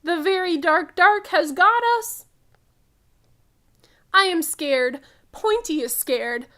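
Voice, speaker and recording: A woman's voice: extremely high pitch, expressive, slow pace, bright, forceful tone, heavily acted. A woman voicing a small young T-Rex in a storybook, earnest, timid and trying to be brave, with dramatic childlike phrasing. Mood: scared.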